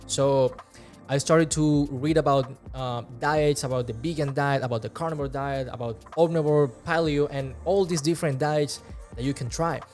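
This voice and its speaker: A man from Venezuela in his twenties, a fitness vlogger, speaks to camera in his second language with a Venezuelan Spanish accent. He is relaxed and earnest and gestures while talking. A large studio mic sits close in front of him in a small room, capturing a somewhat high voice at a moderate pace over faint background music.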